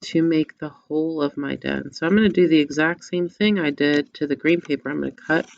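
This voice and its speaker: A woman teacher giving gentle step-by-step craft instructions and reading a story to children. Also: low-pitched, fairly even intonation, brisk, vocal fry, no room sound, highs cut off. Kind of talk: craft lesson and story read-aloud for children.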